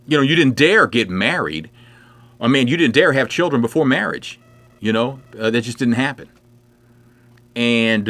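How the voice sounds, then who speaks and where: A middle-aged man with a medium-pitched, fairly bright voice chats casually on a livestream from indoors at home, with no echo. He answers viewer comments in a rambling, conversational way, full of "you know" and other fillers.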